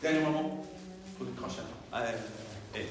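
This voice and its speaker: A man's voice: on the high side, expressive, normal speed, creaky. A man leading a choir rehearsal, counting beats aloud and singing short phrases to show the rhythm. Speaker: choir conductor. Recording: very echoey, voice far from mic, audible background noise.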